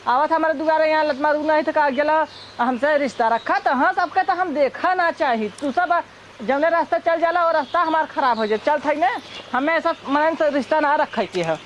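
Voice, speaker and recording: A high-voiced woman playing a sharp-tongued village sister-in-law with an Awadhi accent. She is scornful and unyielding in a rural comedy, in slightly dull sound with faint noise. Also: moderate pace, close to an everyday voice. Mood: scornful, refusing. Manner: scornful, scolding. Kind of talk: broad rural comedy skit acting.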